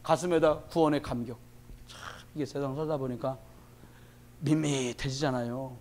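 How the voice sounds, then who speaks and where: A man preaching a sermon as pastor, telling lively stories and swinging from quiet low asides to loud emphatic peaks. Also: normal speed. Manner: animated storytelling, acts out quoted voices.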